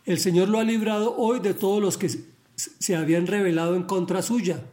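A man's voice: sits high, steady tone, normal speed, a little mellow, close to an everyday voice. A man voicing a foreign soldier delivering news formally and bluntly in a Bible reading.

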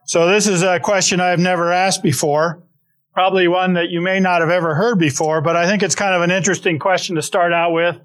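High-voiced man preaching. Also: fairly bright tone. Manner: conversational storytelling with frequent restarts. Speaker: pastor. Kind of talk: sermon.

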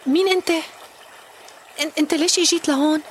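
A woman's voice: high-pitched, steady tone, rapid-fire, slight background noise, natural voice. An actress playing a wounded young village woman in a radio drama, speaking Levantine Arabic with frightened, breathless cries. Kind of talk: audio drama acting. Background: loud dramatic music score.

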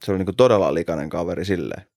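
Low-voiced young man telling a story. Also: dry recording, studio quality. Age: 20s. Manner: swears freely, animated storytelling, laughs while telling. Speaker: podcast host. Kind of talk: casual chat, telling an anecdote.

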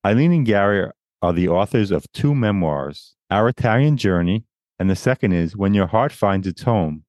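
A middle-aged man from Long Island, New York, co-hosting a podcast, reading intros and bios with dry, deadpan jokes. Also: lowish voice, moderate pace, dry recording. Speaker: podcast co-host.

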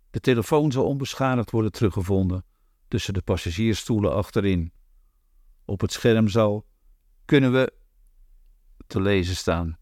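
A man reading a literary novel aloud in a measured, deliberate way. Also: fairly low pitch, darkish tone, no echo, studio quality. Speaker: audiobook narrator.

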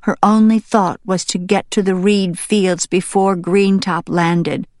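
A woman narrating a children's novel in steady, measured storytelling. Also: fairly low pitch, no room sound, studio quality. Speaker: audiobook narrator. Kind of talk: scripted narration.

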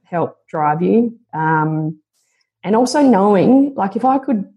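A woman's voice: mid-range voice, lively intonation, slow pace, dull audio. A woman guest on a podcast interview, speaking in an earnest, motivational and reflective way.

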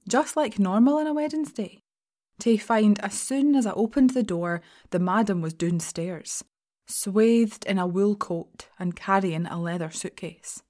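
A woman's voice: mid-range voice, warm tone. A woman with a broad Scottish accent performing a first-person audio drama monologue as a sardonic, sweary, anxious shop assistant, confiding her story wryly.

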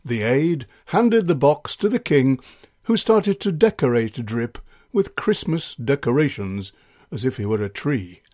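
A man narrating a children's story in a playful, expressive way. He reads at an unhurried pace, and his pitch moves a lot. His delivery stays animated from line to line. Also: no room sound, clean studio sound.

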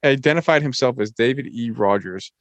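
A man reads a news item over a video call with a weak connection that clips the ends of his words. His voice sounds close and dry, and his pitch sits in a typical middle range. He trips over phrases and backs up to repeat them. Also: fairly quick, no echo. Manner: stumbles and restarts while reading. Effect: choppy audio from a bad internet connection, cutting out mid-phrase. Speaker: podcast co-host. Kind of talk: reading a news story aloud to co-hosts.

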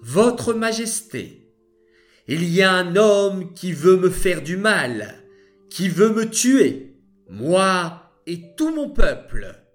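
A man's voice: high voice, very animated, extremely slow, soft background music, voice pushed up, full character voice. A man voicing an urgent pleading queen. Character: young queen pleading for her people.

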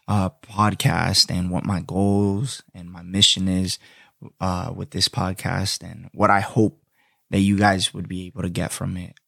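A man's voice: fairly low pitch, vocal fry, fairly bright tone, no room sound, clean studio sound. A young man from Florida with a Florida accent, hosting a solo podcast in laid-back, slangy talk. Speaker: podcast host.

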